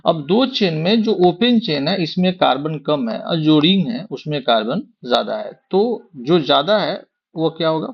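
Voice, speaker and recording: A man's voice: on the high side, creaky, highs cut off. A man teaching a chemistry lesson, who asks questions and then answers them himself, counting positions aloud and mixing English terms into his talk. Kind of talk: whiteboard lecture.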